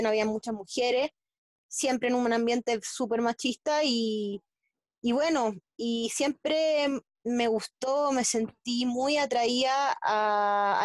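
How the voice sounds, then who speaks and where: A Chilean woman speaking as an interview guest, in a halting way with many restarts and fillers. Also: fairly high pitch, no room sound. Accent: Chilean Spanish. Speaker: guest athlete. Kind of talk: casual interview talk.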